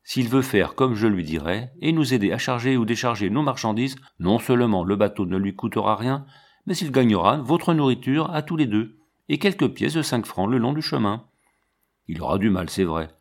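A man voicing a kindly, fatherly sailor captain in a storybook reading, calm and reassuring. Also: mid-range voice, normal speed. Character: kindly middle-aged male sailor captain.

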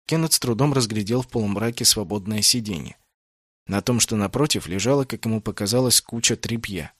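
Low-voiced male audiobook narrator. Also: brisk, a bit bright, no echo, clean studio sound. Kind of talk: scripted narration.

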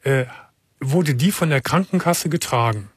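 Male call-in host, calm and probing, husky voice, close, dry studio sound. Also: on the high side, a little slow, dry recording. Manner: calm, probing questions, sums up what he heard. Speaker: radio talk show host. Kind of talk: late-night call-in radio.

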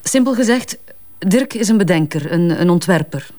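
A woman with a low-leaning, animated voice and a dark tone plays a brisk, candid ad strategist with a Flemish accent in a naturalistic crime drama. She's questioned by police and turns defensive, though here she sounds confident as she explains. Her acting is light.

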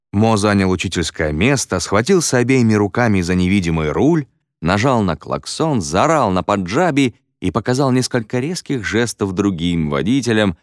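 A man reads a story aloud with expressive, playful delivery. His voice sits very low yet rises and falls in a lively way. The sound is dry and close, with no room echo. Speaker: audiobook narrator. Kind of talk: scripted audiobook narration.

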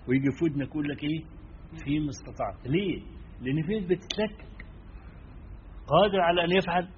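A man with an Egyptian accent preaching a sermon, turning from emphatic stress to quiet asides and checking in with his listeners. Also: on the high side. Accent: Egyptian Arabic. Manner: swings between emphatic and hushed, asks listeners "right?". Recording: dull lo-fi recording with faint noise.

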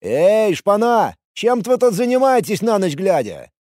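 A man puts on a suspicious middle-aged cop, pitched up and lively, questioning with a mocking edge. The voice is dry and close, like a storybook read right into the mic. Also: a little slow, no echo, exaggerated voice. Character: mustached middle-aged male police officer, suspicious.

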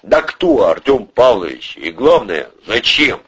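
A man's voice: lowish voice, very animated, a little slow, fairly bright tone, slightly rough, heavily acted. A man voicing a tense guarded police colonel. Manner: terse, muttered, defensive replies. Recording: dull lo-fi recording.

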